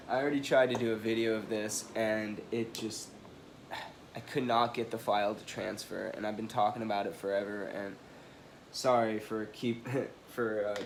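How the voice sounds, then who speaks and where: A knife review vlogger with a lowish voice, stuffed up from allergies or a cold, rambles apologetically through a casual product review full of fillers and restarts. There's a little hiss or hum on the recording.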